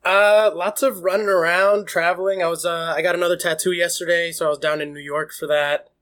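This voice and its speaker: Co-host, man, sick with bronchitis, deadpan humour, a little high-pitched. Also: brisk. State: ill with bronchitis, coughing. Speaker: podcast co-host. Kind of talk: casual chat.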